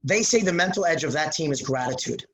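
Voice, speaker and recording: An energetic middle-aged man talks on a live call, pressing each point with emphatic repetition. His voice sits a little high for a man. He sounds like a coach giving a motivational talk. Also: fast talker, rough recording. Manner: energetic, emphatic, repeats phrases for punch. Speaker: mindset coach. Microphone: call microphone.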